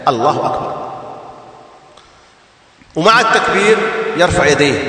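A man's voice: fairly high pitch, fairly bright tone. A man teaching a religious text, repeating key points and singing out examples. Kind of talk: explaining a text in a lesson. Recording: echoey hall, voice from far off.

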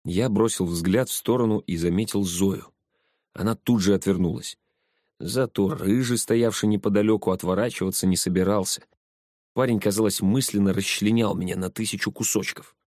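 A male narrator reading a first-person story in an even, steady way. His voice is low and a bit husky. The recording is close and dry. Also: no echo. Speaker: audiobook narrator.

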